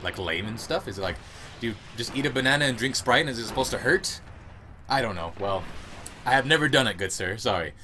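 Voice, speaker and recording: Young man, bright crisp voice, casual chatty Q&A, rambling, laughs a lot, home recording. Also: medium pitch, slight background noise. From United States. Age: young adult. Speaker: YouTube gaming channel host. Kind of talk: casual Q&A monologue.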